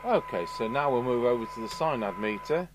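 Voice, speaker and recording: Speaking a touch quickly in a mid-range voice, the British repair tech talks through his workbench job step by step, dry and understated. He's hosting from an indoor electronics bench where electrical hum and noise run steadily underneath.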